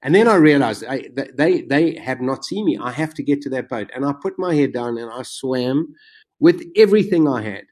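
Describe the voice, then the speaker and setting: Animated man retelling a survival story. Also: moderate pace. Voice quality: self-described macabre sense of humor. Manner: animated, reliving events, voice jumps high when excited. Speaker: guest telling his survival story. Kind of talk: storytelling in conversation.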